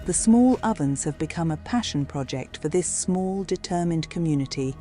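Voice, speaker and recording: A woman's voice: low-pitched, lively intonation, normal speed, music in the background. A woman reading scripted narration for a nature documentary.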